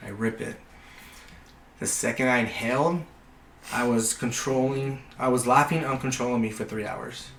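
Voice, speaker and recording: A man's voice: mid-range voice, normal speed, a bit bright. Profane, rambling man in an echoey room. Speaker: podcast guest. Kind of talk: casual storytelling. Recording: echoey room with faint noise.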